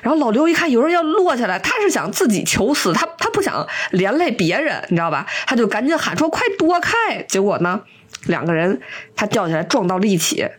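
Husky woman retelling a plot. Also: fairly high pitch, fast. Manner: animated storyteller, acts out quotes, laughs often. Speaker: podcast co-host. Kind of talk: casual podcast chat retelling a TV plot.

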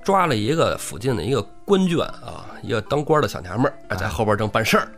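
An easygoing bandit chief, played by a male podcast host in his own voice, confiding and brushing things off with a lively rise and fall. Faint music is under the talk. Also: lowish voice, fast, creaky, exaggerated voice. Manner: relaxed, confiding, dismissive.

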